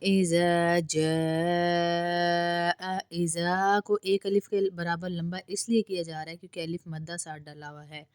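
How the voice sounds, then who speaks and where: Woman teaching slow, careful Quran recitation. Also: lowish voice, level tone, darkish tone, clean tone, no echo, clean studio sound. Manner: slow drawn-out recitation alternating with fast explanation. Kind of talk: tajweed recitation lesson.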